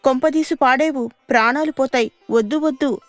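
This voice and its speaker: A woman's voice: sits high, moderate pace, no room sound, close to an everyday voice. A woman doing a sly, jeering storybook fox. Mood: anxious warning. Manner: warning, then jeering. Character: sly cautious fox, teasing and mocking. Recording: dry studio radio recording with faint music.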